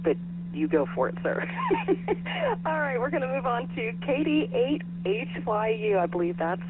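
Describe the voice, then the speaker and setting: A woman's voice: fairly high pitch, sing-song, moderate pace. A woman hosting an amateur radio net as net control, chatting informally over a two-way radio. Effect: two-way radio transmission. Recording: tinny narrow radio link with faint hum.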